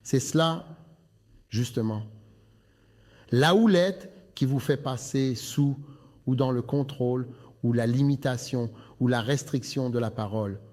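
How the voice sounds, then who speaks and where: A man's voice: mid-range voice, a little slow, darkish tone. Emphatic male pastor preaching. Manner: emphatic, addresses the congregation. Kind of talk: sermon.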